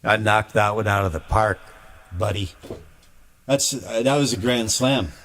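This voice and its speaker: While making music on a live stream, a man talks casually to his chat, rambling and grumbling with many stammered restarts. His fairly low voice is a bit slow and has a fairly bright tone.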